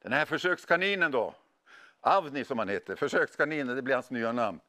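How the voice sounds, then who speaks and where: A middle-aged man preaching a sermon, telling stories in an animated way with casual slang. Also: medium pitch. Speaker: pastor. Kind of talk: sermon with storytelling.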